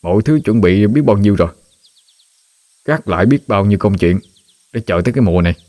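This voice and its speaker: A man voicing a brash young friend who talks in a quick, mocking way. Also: lowish voice, animated, a little mellow, close to an everyday voice. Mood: scoffing.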